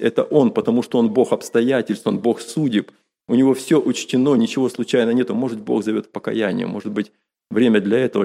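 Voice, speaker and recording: Male preacher, dark soft timbre, gravelly fry, earnest sermon style, rhetorical questions, repeated phrases. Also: fairly low pitch. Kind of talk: sermon to a congregation.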